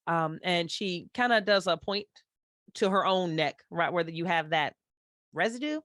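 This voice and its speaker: A woman's voice: on the low side, moderate pace, a bit bright, no room sound, clean studio sound. A woman running a tabletop horror game, narrating scenes casually and with frequent fillers. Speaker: game master.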